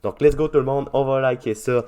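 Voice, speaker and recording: A Québécois man hosting a small radio show, chatting in a loose, rambling way. He fills his talk with hesitations and restarts, and his voice sits at an everyday middle pitch. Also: brisk, warm tone, smooth. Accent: Québécois French. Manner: chatty, with many fillers and restarts. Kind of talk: casual radio talk and interview.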